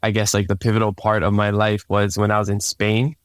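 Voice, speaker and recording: On a clean studio recording with no room sound, a young Hawaiian-speaking man from Hawaii talks about his life at a brisk clip. His voice is fairly low, his manner easygoing, and he tends to repeat words at the beginnings of sentences while chatting on the podcast.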